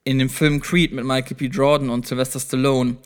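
A man talks straight to his listener on a solo self-improvement podcast, laying things out step by step in a motivational, conversational way with small restarts. His mid-range voice is clean, fairly quick, and shows little pitch movement.

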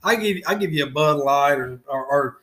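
Man, slight lisp, somewhat high voice, rambling casual podcast chat, says dude. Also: animated, moderate pace, a bit bright. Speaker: podcast co-host.

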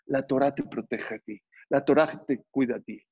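A man preaching as a rabbi, emphatic and animated, with much repetition, on a dull lo-fi recording. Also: mid-range voice, moderate pace, slightly rough. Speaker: rabbi teaching a Torah class. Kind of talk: sermon.

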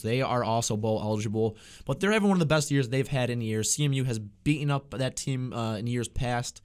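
A man's voice: medium pitch, clear, resonant tone. A young man, a student reporter, hosting casual sports talk, often repeating words and restarting as he works through his thoughts. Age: young adult.

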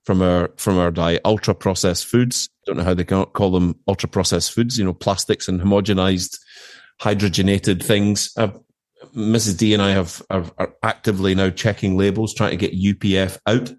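This middle-aged British interviewee has a low, steady voice and talks at normal speed with no echo. His casual, anecdotal chat leans on emphatic repetition and colloquial asides.

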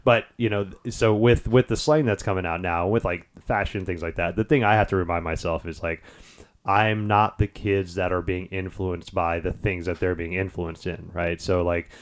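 Podcast co-host, man from Texas, very low voice, loose and rambling. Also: fairly even intonation, normal speed. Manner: rambling, lots of fillers. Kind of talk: casual podcast chat.

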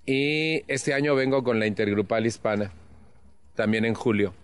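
A man in his seventies with a Mexican accent tells his own story to a support group. He speaks earnestly and with animation, and he drops in blunt slang as he goes. His voice sits at an ordinary middle pitch. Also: normal speed, clear, resonant tone. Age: 70s. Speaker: Al-Anon speaker. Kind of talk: personal testimony talk.

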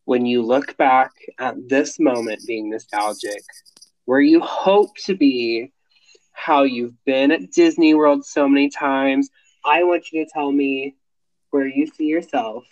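A man's voice: mid-range voice, unhurried, darkish tone, lo-fi sound. A man in his late twenties co-hosting a casual podcast, rambling and restarting sentences with plenty of enthusiasm. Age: late 20s. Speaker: podcast co-host.

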